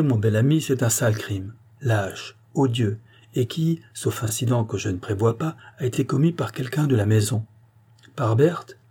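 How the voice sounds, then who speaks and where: A man's voice: medium pitch, dark tone, breathy edge. A man reading the part of a wry male amateur detective who chats aloud to his cane in an audiobook. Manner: chatty, talks to his cane.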